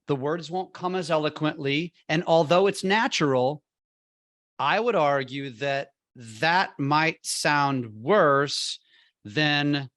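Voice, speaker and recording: An emphatic, persuasive man hosts a podcast debate, punching key words in quick bursts. His voice sits a little high for a man. The sound is close and dry. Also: fairly bright tone, dry recording. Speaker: podcast host.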